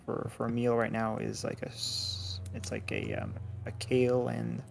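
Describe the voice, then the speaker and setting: A man acting as dungeon master, narrating a tabletop game casually, with many halting restarts. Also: medium pitch, very animated, gravelly. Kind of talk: running a tabletop game session. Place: home setup, streaming online.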